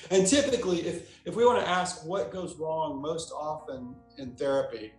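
A man being interviewed as a psychotherapist, explaining through relaxed anecdotes and acting out quoted lines. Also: fairly high pitch, moderate pace, faint music behind. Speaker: psychotherapist guest. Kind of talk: interview answer, storytelling. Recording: roomy echo.

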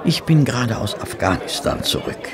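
A man's voice: mid-range voice, lively intonation, moderate pace, lightly acted. Dr Watson, a man playing a war-weary army doctor. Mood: friendly. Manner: rueful, weary, warmly polite. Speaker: narrator and character. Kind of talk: German radio play acting. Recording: restaurant crowd murmur behind. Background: restaurant chatter.

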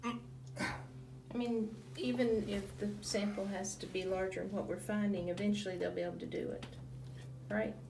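A middle-aged woman giving deliberate documentary commentary and casual questions in a measured way. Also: medium pitch, steady tone, creaky, echoey room, far from the mic. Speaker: investigator and narrator. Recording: noticeable background room noise.

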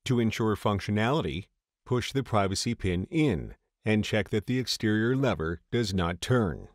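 A man reading a scripted voice-over for a step-by-step installation tutorial, in a steady, measured way. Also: fairly low pitch, dry recording, clean studio sound. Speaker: tutorial narrator.

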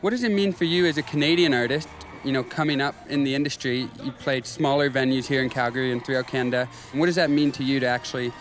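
A man hosting a TV interview, asking steady, plain questions outdoors at a festival. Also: mid-range voice, fast talker, hardly any pauses. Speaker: TV host and interviewer.

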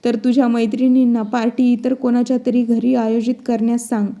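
A woman's voice: fairly high pitch, little pitch movement, a little fast, dull audio, natural voice. A woman reading a defiant elderly mother. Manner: forceful, scolding reading.

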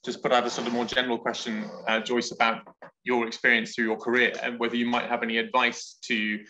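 A man in his thirties moderating a seminar Q&A over a headset on a video call, polite and even. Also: fairly low pitch, low-quality recording.

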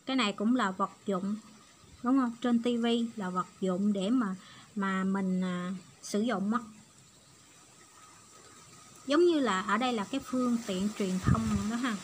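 A woman's voice: medium pitch, a little slow, pauses often, slight background noise. Patient woman teaching. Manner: patient, step-by-step explaining. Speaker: Japanese language teacher. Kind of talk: explanatory online lesson.

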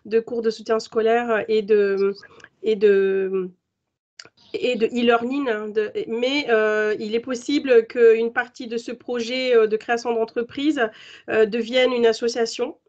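A woman's voice: on the high side, steady tone, a little slow, darkish tone. A woman in her forties introducing herself in a webinar, stammering and repeating words. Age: 40s. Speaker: webinar participant. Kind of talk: casual online meeting chat. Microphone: video call. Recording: dull lo-fi video call audio.

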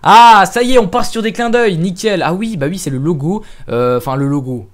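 A young man from France giving casual, self-mocking let's-play commentary over a headset mic, thinking out loud and swearing as he plays. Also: high voice, lively intonation, fairly quick. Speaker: gaming youtuber.

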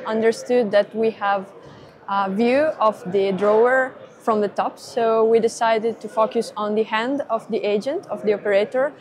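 A young woman explains a technical system at a trade-fair booth. She talks methodically, step by step, with small pauses and fillers. Her voice is close on a lapel mic. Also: fairly high pitch. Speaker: perception engineer guest.

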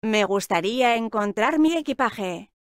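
A woman reading short travel phrases slowly, repeating each one word by word in a careful drill. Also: fairly high pitch, animated, dry recording, clean studio sound. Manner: slow, careful, clearly enunciated. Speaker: language teacher voice.

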